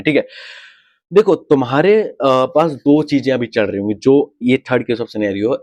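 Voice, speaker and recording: A young Indian man mentoring exam students in a casual, direct way, often checking in with quick tag questions and dropping English phrases into his talk. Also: medium pitch, darkish tone, no echo. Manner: direct, repeats "ठीक है" and "right" to check in, mixes English phrases.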